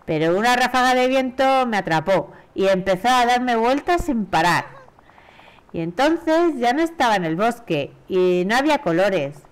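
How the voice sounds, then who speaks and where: A woman with a Spain Spanish accent reading aloud the lines of a sweet, lovesick female cartoon mouse from a video game, slowly and gently. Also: fairly high pitch, very animated, clear, resonant tone, pitched above the performer's own voice. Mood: wistful.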